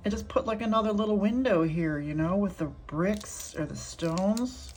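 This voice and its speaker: A woman's voice: medium pitch, moderate pace, slight background noise. A woman hosting her art vlog, thinking aloud as she paints and murmuring small self-critical remarks. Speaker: art channel host. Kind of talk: casual art demonstration vlog.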